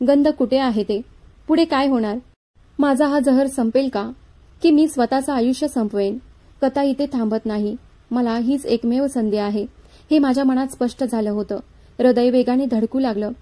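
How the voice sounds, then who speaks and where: A woman narrating a dramatic story in a measured, even storytelling manner. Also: high-pitched.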